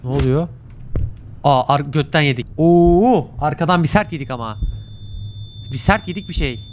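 Excitable young man narrating a game. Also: a little high, normal speed, slight background noise. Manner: excitable, swears a lot, talks to chat. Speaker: gaming streamer. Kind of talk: casual gameplay commentary.

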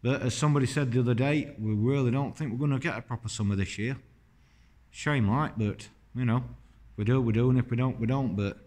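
A man's voice: mid-range voice, a little fast, darkish tone. A man, chatting casually as he films a walking tour through an old stone church on a handheld phone. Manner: chatty, rambling, admiring. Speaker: vlogger.

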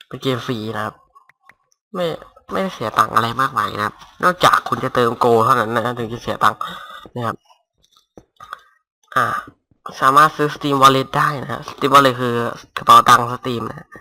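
A young man casually commentating his Minecraft game at home on a headset mic, talking softly and rambling. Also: mid-range voice. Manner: rambling, talks softly to avoid disturbing neighbors. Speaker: gaming YouTuber. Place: home room. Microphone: cheap gaming headset mic.

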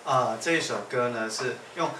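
A man from Yilan, Taiwan, with a Taiwanese accent, talking to an audience between songs in warm, repetitive, build-up phrases with small laughs. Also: medium pitch, moderate pace. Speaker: singer and speaker. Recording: echoey room, far from mic, faint noise.

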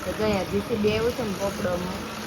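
A woman's voice: medium pitch, steady tone, quick pace. A woman chatting through a home vlog, often cooing in baby talk to an infant. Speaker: vlogger. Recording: noisy with passing traffic.

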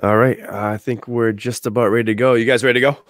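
A young man with a medium-pitched voice hosts a live football coaching clinic over a video call from a small room at home. He speaks through an earphone mic in a relaxed, quick, casual way, with lots of fillers and restarts, like a live-stream presentation. The recording has no room sound.

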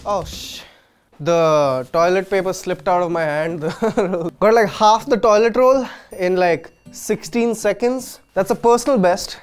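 A man in his twenties with an Indian English accent, hosting a jokey, excitable comedy vlog. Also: sits high, unhurried, clear, resonant tone, soft background music. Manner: excitable, jokey, breaks into yelps. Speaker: host.

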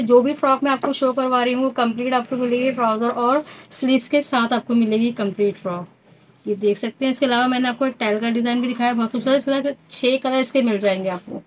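The recording is rough as a woman with a somewhat high voice and Pakistani accent shows wholesale stock in a fabric-filled garment shop. Her casual product pitch loops back on itself and blends in English words, with clear background noise from the handheld phone.

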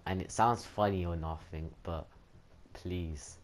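A man giving casual, rambling gameplay commentary with excitable bursts and some swearing. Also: low-pitched, slow. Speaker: gaming YouTuber.

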